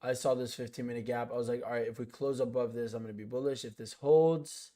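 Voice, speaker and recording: A man talks his chat through a live trading session in a relaxed, slangy manner. His pitch sits in an ordinary middle range, and he breaks setups down step by step between offhand asides. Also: quick pace. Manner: laid-back slangy talk, lots of "like", "bro" and "yo". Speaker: day trader streaming live. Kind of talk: casual live-stream trading commentary.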